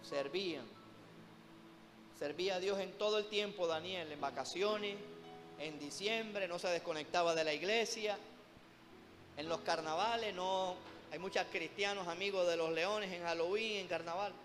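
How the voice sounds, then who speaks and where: A man's voice: sits high, normal speed, a bit bright, long reverb tail, soft background music. A man preaching a sermon in a church, emphatic, repeatedly calling out to the congregation as brothers.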